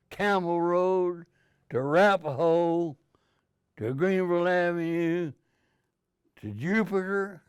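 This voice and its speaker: A very old man recalls his past in an interview. He speaks slowly and haltingly in short, plain phrases, with a clear, smooth voice in a dry, close sound. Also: on the high side, dry recording. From Texas, United States. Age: 102, very old man. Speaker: interviewee, World War Two veteran. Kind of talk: reminiscing interview talk.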